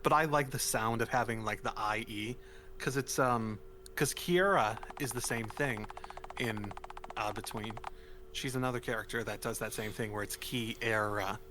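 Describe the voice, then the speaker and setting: A man's voice: medium pitch, moderate pace, sharp tone, slight background noise. A man in casual chat on a game stream, explaining his thoughts at length. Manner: explanatory, musing on word sounds. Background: game music.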